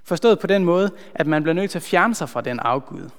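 A man preaching a sermon in an earnest, measured way, slowing down to stress key words. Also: fairly high pitch, lively intonation. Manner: earnest, measured, slows for emphasis. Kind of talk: sermon with a retold story. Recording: long hall reverb.

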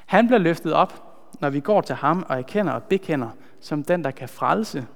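A man preaching a sermon in an earnest, measured way, slowing down to stress key words. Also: on the high side, lively intonation, gravelly. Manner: earnest, measured, slows for emphasis. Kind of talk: sermon with a retold story. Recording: long hall reverb.

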